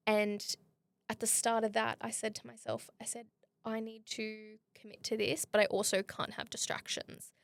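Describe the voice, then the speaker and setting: A woman hosting a podcast, telling stories in a lively way and acting out what people said to her. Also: a little high, moderate pace, vocal fry, dry recording. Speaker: podcast host. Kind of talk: casual interview chat.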